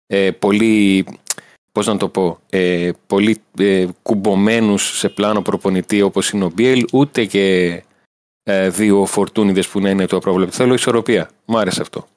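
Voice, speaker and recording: Guest football reporter, man, low voice, stop-start delivery, dry close sound. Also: steady tone, a little mellow, no echo. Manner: hesitant, searching for words. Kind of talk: casual sports talk.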